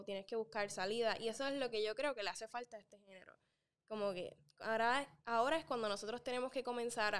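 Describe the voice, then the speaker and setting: A woman's voice: on the high side, smooth. A young woman with a Puerto Rican accent, a troubadour guest explaining rhyme patiently in a casual interview. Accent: Puerto Rican Spanish. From Puerto Rico. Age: young adult. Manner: explains patiently, gives examples. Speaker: guest, trovadora.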